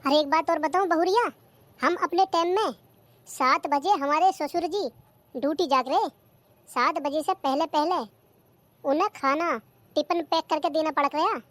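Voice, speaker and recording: A very high, squeaky cartoon voice of a scolding old village mother-in-law, as a performer puts her on. She nags and taunts, and the voice sounds close and dry with no room around it. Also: moderate pace, long pauses, a bit bright, no echo. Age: older. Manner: nagging, taunting, complains about the old days. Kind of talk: cartoon comedy skit.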